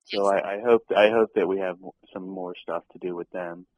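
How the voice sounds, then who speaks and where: A young man with a very low, deep voice talks in a relaxed interview. He stumbles through ums and false starts. He laughs easily as he chats about his work. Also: dry recording, lo-fi sound. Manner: halting, many ums and restarts, laughs easily. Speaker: actor being interviewed. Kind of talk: casual interview chat.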